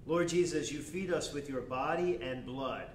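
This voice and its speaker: A man, a priest, leading Mass in a measured, prayerful liturgical cadence, his voice ringing with cathedral echo. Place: large church. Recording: echoey church, distant mic, faint rumble.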